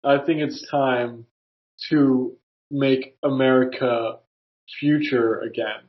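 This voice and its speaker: A man's voice: medium pitch, fairly even intonation, slow, lo-fi sound. A young man co-hosting a podcast, goofy and playful, often trailing off mid-sentence. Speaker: podcast co-host. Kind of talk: casual chat.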